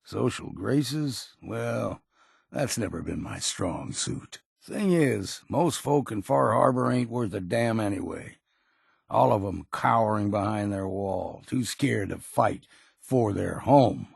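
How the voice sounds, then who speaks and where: A grizzled old seafarer from a video game, with a heavily creaking, rasping, lowish voice. He is plain-spoken and curmudgeonly, worn down by years yet loyal underneath. The sound is dry and close, with no room around it. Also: lively intonation, takes it slowly, no echo, full character voice. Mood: gruff, guarded. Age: older. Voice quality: gravelly, raspy. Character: gruff, stubborn old seafarer, weary but loyal. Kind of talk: video game character dialogue.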